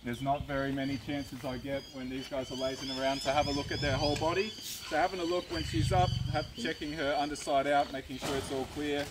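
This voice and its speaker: A man's voice: fairly high pitch, steady tone, brisk. A young Australian man giving an informal, instructive zookeeper talk outdoors, breaking off to praise and coax the animals. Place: outdoors at a zoo animal enclosure. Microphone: camera a few metres away. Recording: very noisy outdoor phone recording.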